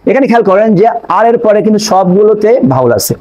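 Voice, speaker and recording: A man teaching English pronunciation in an online lesson, explaining step by step and repeating examples slowly. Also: high voice, expressive, darkish tone, dull audio.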